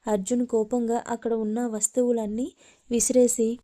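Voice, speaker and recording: Woman storyteller, plain steady read, dark mellow tone, flat. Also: on the high side, normal speed. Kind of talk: storybook narration.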